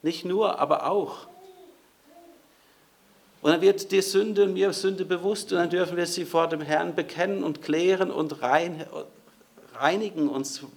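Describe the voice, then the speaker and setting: A man's voice: sits high, steady tone, unhurried, gravelly. Man preaching in a conversational tone. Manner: conversational preaching with direct address. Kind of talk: sermon.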